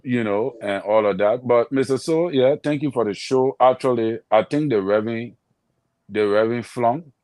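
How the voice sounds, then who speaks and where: A man's voice: mid-range voice, normal speed, a little mellow, dry recording. A man giving frank, critical political analysis in a conversational way. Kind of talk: panel discussion.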